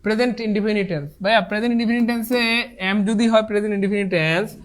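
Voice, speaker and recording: A man's voice: high voice, fairly even intonation, fast. A tired man teaching an online English exam-prep class, repeating key points emphatically and calling his students brothers and sisters. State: tired after a long class.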